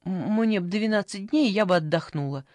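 A woman's voice: mid-range voice, animated, no room sound, voice pushed up, close to an everyday voice. A woman doing a flustered old grandmother. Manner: fretful, hurried, stammering. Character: elderly grandmother, flustered and complaining. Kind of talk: audiobook character voice.

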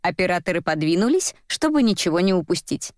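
A woman narrating a crime novel as an audiobook in a measured manner. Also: fairly low pitch, very animated, darkish tone, no room sound, clean studio sound. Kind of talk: scripted narration.

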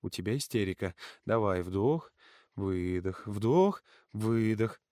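A man voicing a calm, firm young man who speaks quietly and steadily in an audiobook. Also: mid-range voice, brisk, no room sound, studio quality, natural voice. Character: calm, firm young male camp counselor. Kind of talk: audiobook character voice.

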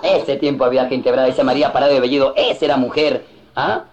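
A man's voice: mid-range voice, steady tone, fast talker. A man with a Peruvian Spanish accent doing a slangy stand-up routine, slipping into mocking voices. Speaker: stand-up comedian. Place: live show with laughing audience and band. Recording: dull lo-fi live recording with loud crowd.

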